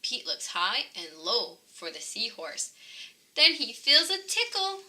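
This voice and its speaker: A very bright female voice narrates a children's picture book slowly. Her delivery is expressive and sing-song, with lively pitch swings. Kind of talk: scripted storybook narration.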